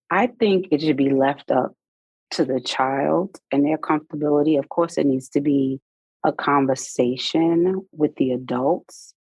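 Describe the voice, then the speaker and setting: A woman's voice: low-pitched, a little mellow, breathy edge, no echo, low-quality recording. A middle-aged woman co-hosting a casual podcast, speaking candidly and telling stories from her own life. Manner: candid, storytelling from personal experience. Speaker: podcast co-host.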